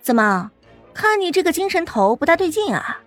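A man's voice: very high-pitched, big pitch swings, moderate pace, a bit bright, soft background music, voice pushed up, exaggerated voice. A man voicing a mocking, sly young schoolgirl who teases a classmate. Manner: mocking, sing-song. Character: sarcastic teasing young schoolgirl.

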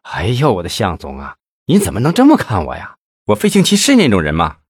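A hearty, flattering middle-aged businessman who is always selling himself, as a male narrator plays him. He talks low and smooth, and the recording is dry and close with no room sound. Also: brisk, dry recording, exaggerated voice. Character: scheming middle-aged male official-businessman, glib and boastful.

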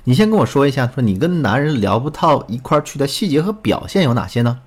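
A man as a relationship coach, giving a recorded lesson in an animated storytelling way. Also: medium pitch, quick pace, husky.

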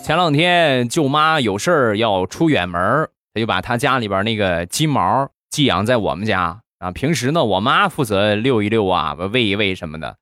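A man's voice: lowish voice, normal speed, few pauses, no room sound, faint music behind. A man hosting a comedy show and telling short joke stories in a conversational way. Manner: animated, conversational. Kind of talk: storytelling jokes.

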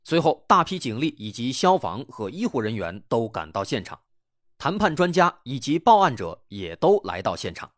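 A man hosting a true-crime podcast, telling a case in a dramatic, lively way. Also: medium pitch, moderate pace, no echo, clean studio sound. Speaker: host.

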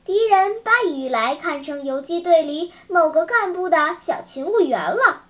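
A woman's voice: very high voice, expressive, a little slow. A woman narrating a children's story in a vivid, dramatic storytelling manner. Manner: vivid, dramatic, clear enunciation.

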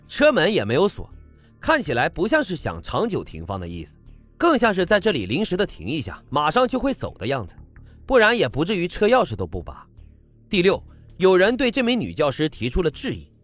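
A male true crime narrator with a slightly high voice. His delivery is highly animated, rising and falling sharply as he tells the story in a colloquial way and poses rhetorical questions. Faint music plays behind him. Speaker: true crime podcast host.

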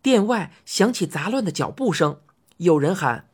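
A woman narrating a children's fantasy story as an audiobook, expressive and rising to cries in excited passages. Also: lowish voice, normal speed, husky.

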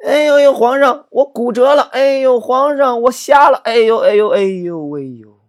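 A man voicing an old general who groans and whines as he feigns illness to retire. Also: moderate pace. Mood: wailing. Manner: groaning, high and strained.

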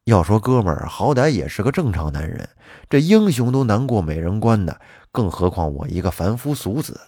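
A man's voice: lowish voice, moderate pace, breathy edge, no echo, studio quality. A man telling a folk tale in the first person as a storytelling host. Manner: lively, animated first-person narration. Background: faint background music.

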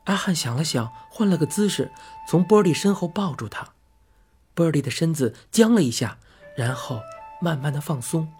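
A man narrating a novel as an audiobook in a soft, unhurried, intimate way. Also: on the high side, animated, faint music behind. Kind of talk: scripted narration.

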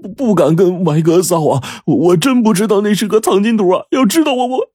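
A man voicing a cowardly male thug who stammers and begs in a high, frantic voice. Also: animated, brisk, a little mellow, breathy edge, dry recording, clean studio sound. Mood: stammering.

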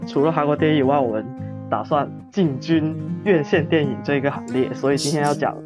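A man's voice: a little high, fairly quick. A man with chatting casually and informally about film as a podcast host. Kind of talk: casual film discussion chat. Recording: dull lo-fi sound, music behind.

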